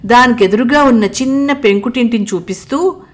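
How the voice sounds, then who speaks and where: A woman narrating a first-person story in an expressive reading. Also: a little high, moderate pace. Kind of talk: audiobook narration.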